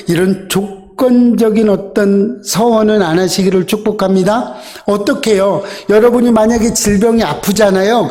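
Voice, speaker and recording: A man's voice: sits high, darkish tone. A male pastor giving a sermon, acting out the prayers of the faithful in a raised voice. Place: church sanctuary. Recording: long church hall reverb.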